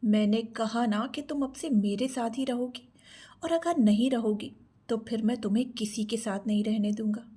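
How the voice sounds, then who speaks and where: A woman's voice: mid-range voice, steady tone, normal speed, mellow, husky. A woman reading a cruel young captor. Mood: angry. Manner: cold and threatening.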